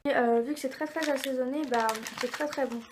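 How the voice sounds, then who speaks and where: A woman's voice: high voice, fairly even intonation, fairly quick, a little hiss or hum. A woman vlogger chatting casually through a box unboxing, reading product labels aloud with many fillers.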